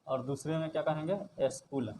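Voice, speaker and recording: A man's voice: fairly high pitch, moderate pace, a little mellow, poor audio. A man teaching an English grammar lesson. He spells words out letter by letter, then asks and answers his own questions. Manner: drills each word letter by letter, asks and answers himself. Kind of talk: slow classroom-style lesson, repeating questions. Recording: faint background noise.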